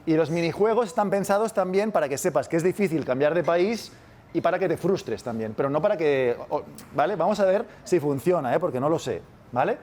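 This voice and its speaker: There's slight background noise as this lecturer from Spain, speaking with a Spanish accent, moves fairly quickly through a casual masterclass. His voice is on the high side and darkish, with lively intonation, and he keeps checking in using "¿vale?".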